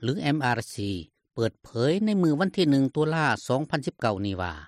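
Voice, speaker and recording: A man's voice: on the high side, big pitch swings, fast, darkish tone, no echo, studio quality. A man with a Lao accent reading scripted radio news as a reporter.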